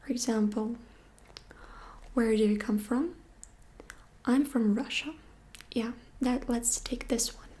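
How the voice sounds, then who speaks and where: A woman whispers through an ASMR language lesson, her voice slightly high yet mellow. She moves very slowly and gently, repeating each phrase again and again. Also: steady tone. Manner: gentle, soft-spoken. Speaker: ASMR creator teaching phrases.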